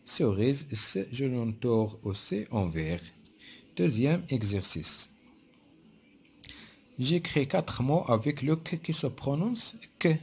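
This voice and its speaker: A man gives a spelling lesson at a very slow, deliberate pace. His voice is husky and mellow, and he repeats each word and letter one at a time. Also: medium pitch, big pitch swings. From Morocco. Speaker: primary school French teacher. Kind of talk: spelling lesson, reading words aloud.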